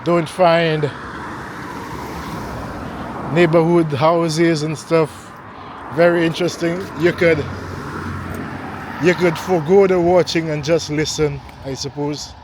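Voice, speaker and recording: A man vlogging while he walks through a neighborhood at night, talking in a slow, halting way and repeating words as he goes. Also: fairly high pitch, flat delivery, background noise. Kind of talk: casual walking vlog talk. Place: outdoors on a neighborhood street at night. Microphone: handheld camera mic while walking.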